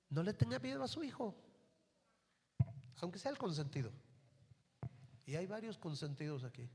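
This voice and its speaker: A Mexican pastor preaches with an earnest, direct storytelling manner, his voice sitting a little high for a man. Long reverb from the church hall trails after every phrase. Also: vocal fry, a little mellow. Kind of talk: sermon.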